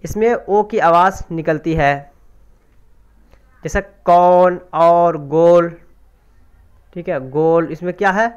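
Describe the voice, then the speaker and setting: A man's voice: on the high side, measured pace, long pauses, clean tone, dull audio. A man teaching an exam preparation grammar lesson, explaining step by step and asking and answering his own questions. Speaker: Urdu language teacher.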